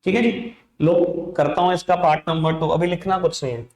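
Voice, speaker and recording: Male teacher, slightly high voice, encouraging classroom delivery in an echoey room. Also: fairly even intonation, moderate pace, darkish tone. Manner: coaxing, addresses students as beta and babu. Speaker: accounts teacher. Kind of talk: classroom lecture.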